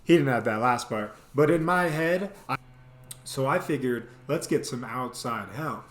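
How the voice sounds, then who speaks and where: This host's voice sits at medium pitch and moves at a measured pace as he relates a casual, comic story about himself. Animated throughout, he acts out dialogue and sound effects, all captured in a roomy, echoey space.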